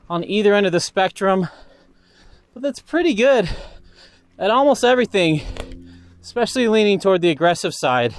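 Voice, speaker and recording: A man's voice: high-pitched, no echo. A man reviewing a mountain bike aloud while riding it on a desert trail, enthusiastic and now and then a little winded. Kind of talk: riding commentary.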